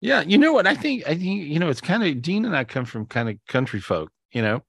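A man with a fairly high, sing-song voice, some vocal fry and a breathy edge hosts a live spiritual talk over a video call. A spiritual teacher and podcast host, he's casual and enthusiastic, chatty and repetitive, often restarting sentences with "and so" and drawing out emphatic words.

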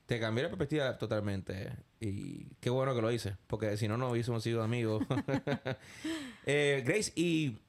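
Man, Puerto Rican accent, podcast host, casual rambling chat, repeats words, middle pitch. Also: normal speed. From Puerto Rico. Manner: rambling, repeats words, many fillers and English "like".

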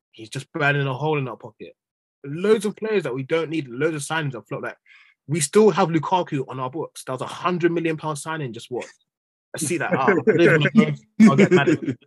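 This Chelsea-supporting young man speaks with an urban London accent and street slang as a football podcast panellist, ranting in exasperated banter. His voice is a little high and husky, on a dry recording.

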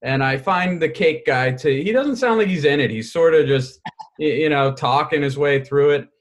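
A man co-hosting a casual podcast, lively and wry, moving the segment along. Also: on the high side, normal speed. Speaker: podcast co-host. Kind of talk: casual chat.

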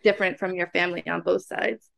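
Gravelly-voiced, wry woman. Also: lowish voice, steady tone, fast, a bit bright, no room sound. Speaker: podcast co-host. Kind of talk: casual podcast chat.

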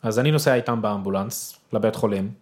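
A young man, a podcast guest, telling a personal story with emotion and acting out his own past shouts. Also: lowish voice.

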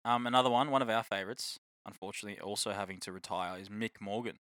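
A man's voice: fairly low pitch, fast, a bit bright, dry recording. A man with an Australian accent co-hosting a casual sports chat in matey, slangy talk.

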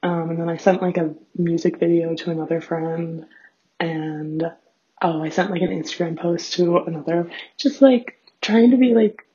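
A young adult woman with a raspy voice and vocal fry, chatting casually in a rambling, self-deprecating solo diary full of fillers. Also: fairly low pitch, fairly even intonation, normal speed, mellow. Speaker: host of a personal audio diary. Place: small bathroom at home, sitting on floor. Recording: dull, lo-fi home recording.

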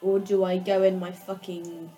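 A woman's voice: fairly low pitch, flat delivery, moderate pace, mellow, rough recording. A woman playing a tabletop game, bantering casually and playfully with plenty of swearing. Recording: music behind the voice.

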